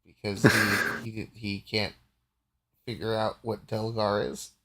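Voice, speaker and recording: A man narrating casually as game master, relaxed, with frequent fillers and easy laughter. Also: on the low side, a little slow.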